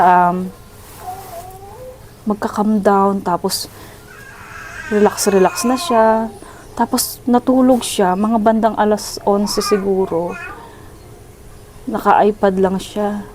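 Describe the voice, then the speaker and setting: A middle-aged Filipino woman tells a story in a relaxed, chatty vlog, her voice sitting at an ordinary middle pitch. She sounds sympathetic and conversational, with English words dropped into her speech. A faint hiss of room noise sits behind her in the hospital room. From Philippines. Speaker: vlogger.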